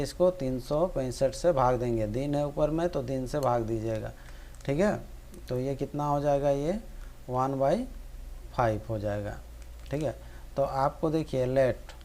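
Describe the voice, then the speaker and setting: Patient teacher working examples. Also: male voice, mid-range voice. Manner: steady explanatory, checks in with "ठीक है". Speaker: maths teacher. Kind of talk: recorded online maths lesson.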